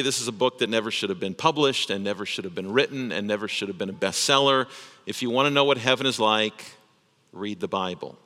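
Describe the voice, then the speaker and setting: A man's voice: on the high side, sharp tone, big-room sound. A man preaching a sermon as pastor, emphatic, repeating phrases for stress.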